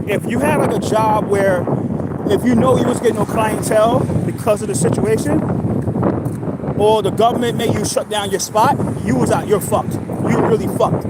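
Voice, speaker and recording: A man in his thirties from New York, talking in a rambling, halting monologue full of restarts. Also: high voice, heavy background noise. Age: 30s. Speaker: livestream host.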